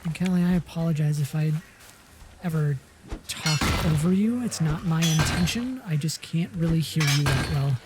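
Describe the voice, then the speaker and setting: A man's voice: a little high, normal speed. A man streaming a game, chatting casually and correcting himself as he goes. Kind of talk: casual gaming chat. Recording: noisy game audio.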